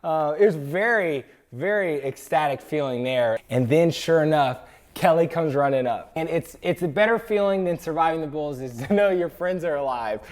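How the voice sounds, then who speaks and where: A young man vlogging to camera, telling a story with excitement and acting out the screams and quotes of others. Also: on the high side, moderate pace. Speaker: travel vlogger.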